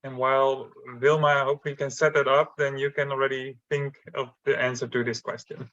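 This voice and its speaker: Man, online class trainer, hesitant, halting, bright voice, dull lo-fi call sound. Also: medium pitch, level tone, no echo. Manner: halting, stops and starts with many fillers. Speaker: missions trainer. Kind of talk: online class instruction through an interpreter. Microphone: video call.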